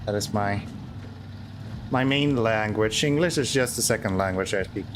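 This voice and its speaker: Speaking at a normal pace in a lowish voice, this man from Sweden, whose first language is Swedish, jokes sarcastically and pokes fun at himself while playing a driving game on stream. Background noise is present, and his Swedish accent comes through.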